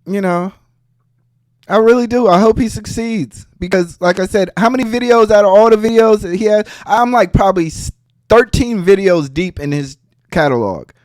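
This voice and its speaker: A man's voice: sits high, normal speed, darkish tone, no room sound, clean studio sound. A man hosting a podcast, giving heated casual commentary in a profane, mocking way. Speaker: podcast host.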